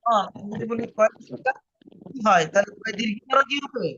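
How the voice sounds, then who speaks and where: A man's voice: sits high, quick pace, pushed and bright, a little hiss or hum. A man teaching a spoken language lesson, patiently explaining rules and repeating them for his student. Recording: muffled lo-fi online recording.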